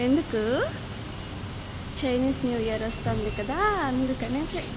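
A woman filming and gently coaxing her children, chatting in a motherly way and mixing in English words. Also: high voice, moderate pace, background noise. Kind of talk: casual family vlog chat. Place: outdoors on a walk.

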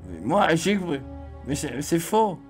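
Slow-talking man doing game commentary. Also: on the high side, sing-song, breathy edge, soft background music. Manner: chatty, jokey, exclaims loudly in surprise. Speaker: let's play host. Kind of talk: let's play commentary, reading game dialogue aloud.

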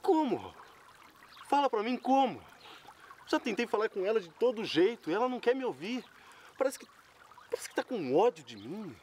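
A man's voice: medium pitch, lively intonation, moderate pace, pauses often, a little hiss or hum, close to an everyday voice. An actor with a Brazilian accent playing a lovesick, despondent young man in a telenovela, pleading with his friend. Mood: desperate, hurt. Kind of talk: telenovela acting. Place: outdoors beside a fountain. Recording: splashing fountain water behind voice.

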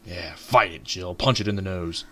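A man's voice: low-pitched, moderate pace, bright, forceful tone, soft background music. A man hosting a let's play, joking sarcastically and swearing at the game as he plays. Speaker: gaming channel host.

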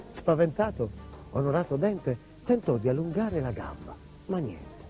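A man tells a folk tale in a lively, theatrical way. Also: a little high, unhurried, soft background music. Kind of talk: storytelling narration.

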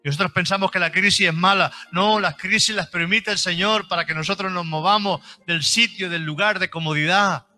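A man's voice: fairly high pitch, pushed and bright. A middle-aged man, preaching a sermon as pastor in an emphatic, repetitive way with homely examples.

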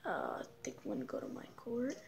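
A woman gamer gives casual let's-play commentary at a fast clip, rambling easily with lots of fillers. There's slight background noise.

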